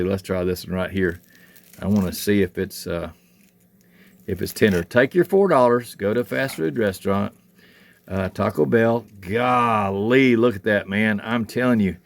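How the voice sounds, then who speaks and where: A man hosting a casual cooking vlog at an outdoor cook shack, talking in a folksy, chatty way and thinking aloud as he works while holding the camera himself. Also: fairly low pitch. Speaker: home cook and channel host. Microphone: handheld camera.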